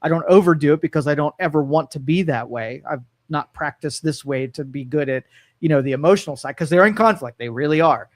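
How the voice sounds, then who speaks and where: A man's voice: a little high, a little fast, no echo. A middle-aged man co-hosting a casual live talk show, thinking aloud with frequent restarts. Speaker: podcast co-host.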